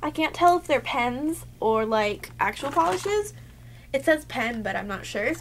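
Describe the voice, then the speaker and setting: This is a high, sing-song female voice at a measured pace, with a slight hiss or hum behind it. The speaker is a young beauty vlogger chatting casually about a haul to her webcam in a cluttered bedroom. She's losing her voice from being a little ill and says "like" constantly.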